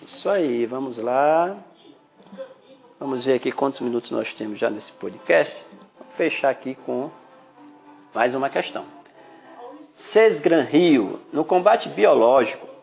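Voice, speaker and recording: Brazilian male biology teacher, gravelly voice, chatty podcast lesson, dull phone-app recording. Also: mid-range voice, expressive, unhurried, pauses often, a little mellow, soft background music. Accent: Brazilian Portuguese. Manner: chatty, addresses listeners as "galerinha", frequent "né?". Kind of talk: podcast exam-prep lesson.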